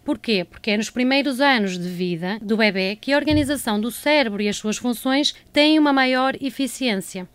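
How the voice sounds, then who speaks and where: A woman speech therapist with a European Portuguese accent, giving measured explanations. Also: a little high, clear, resonant tone, dry recording. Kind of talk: informational talk on a local program.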